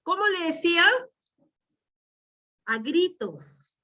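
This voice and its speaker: A woman preaches a sermon at an unhurried pace, her high voice carrying over an online call through earphones. She repeats key phrases, asks her listeners questions and drops in amen between points. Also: very animated, a bit bright. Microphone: wearing earphones with a mic.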